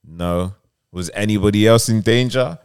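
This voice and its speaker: A man's voice: fairly low pitch, moderate pace, darkish tone, clear, resonant tone, dry recording. A young man with a London accent, making dry, slangy, casual banter as a podcast co-host.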